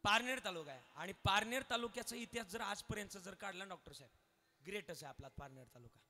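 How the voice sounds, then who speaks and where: A man preaching a devotional sermon, quizzing the crowd and urging them to answer aloud, swinging from soft asides to loud declamation. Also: sits high, expressive, fast talker. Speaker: kirtan preacher. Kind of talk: devotional sermon with call-and-response. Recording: long hall reverb.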